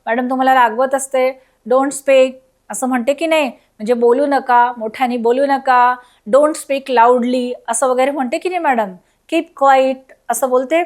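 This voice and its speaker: A woman's voice: high-pitched, steady tone, moderate pace. A woman teaching a recorded school lesson, spelling words out letter by letter and asking children questions.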